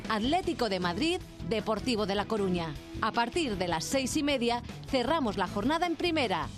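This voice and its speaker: A woman's voice: fairly high pitch, sing-song, moderate pace. A woman announcer giving a scripted sports promo read for radio. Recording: music bed behind.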